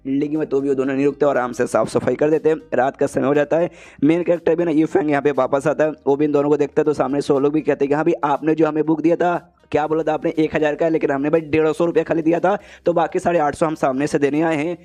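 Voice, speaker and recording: A man narrates a comic story in a loose, chatty style. His voice sits a little high with a mellow, warm tone. He rattles along at a rapid clip, calling the listener "brother" again and again. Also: little pitch movement. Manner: chatty, says "bhai" in nearly every line. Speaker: manhwa recap narrator. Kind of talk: casual story recap.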